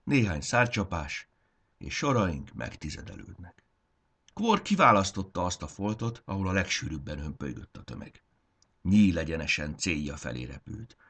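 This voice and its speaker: A man narrating a fantasy audiobook in a dramatic, expressive reading. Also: sits low.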